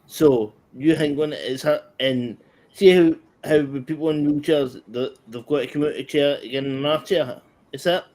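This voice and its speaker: A man's voice: a little high, moderate pace, darkish tone. A man from Scotland with a Scottish accent, a guest in a casual group chat who speaks bluntly and keeps trailing off and restarting his sentences.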